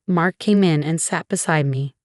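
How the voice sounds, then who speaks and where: A woman narrating a first-person story in an even, measured way. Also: sits low, no echo, clean studio sound.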